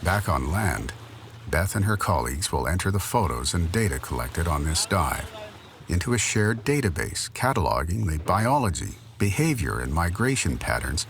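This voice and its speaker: A man's voice: sits low, very animated, normal speed, a bit bright, slight background noise. A man reading scripted narration as the narrator of a nature documentary.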